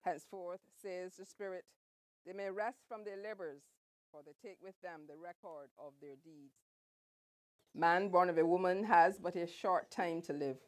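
A woman minister reciting funeral committal prayers in a solemn, measured way with pauses between phrases. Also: lowish voice.

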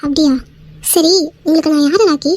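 [name], a woman doing a shrill scolding young wife. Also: steady tone, darkish tone, lightly acted. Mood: angry. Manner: scolding, indignant, quick retorts. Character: young wife, hurt and angry, sharp-tongued. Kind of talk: cartoon skit voice acting.

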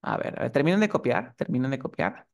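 A man's voice: mid-range voice, expressive, fast, darkish tone. A man teaching English in a live online class, often asking the students if they are following. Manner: asks the class frequent checking questions.

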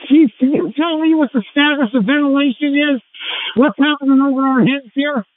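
A man's voice: very high-pitched, normal speed. A man, a firefighter, giving urgent radio reports from a fire scene over a two-way radio. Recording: tinny noisy two-way radio, clicks.

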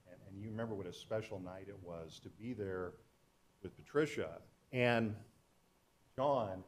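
A middle-aged man with a fairly low voice speaks to an audience as a historian and author. His delivery is earnest and storytelling, and he often restarts his phrases as he recounts events. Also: measured pace, slight background noise. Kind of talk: public talk to an audience.

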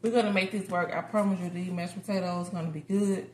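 Fairly quick and steady in tone, a lowish female voice belongs to an American cooking vlogger having a casual, candid chat with viewers as she cooks. She's in her home kitchen, which sounds roomy, with noticeable noise in the background.

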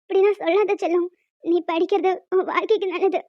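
A woman's voice: extremely high pitch, fairly even intonation, fairly quick, no room sound, dull audio. A woman voicing a caring middle-aged mother in a cartoon, speaking in a soothing, reassuring way. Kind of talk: cartoon voice acting.

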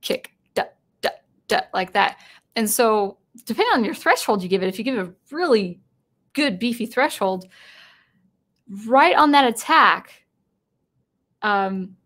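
A woman's voice: fairly high pitch, expressive, measured pace, long pauses, fairly bright tone. Tired, rambling woman streamer. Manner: rambling, self-interrupting, chuckling. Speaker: streamer reading live chat. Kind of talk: casual live-stream chat.

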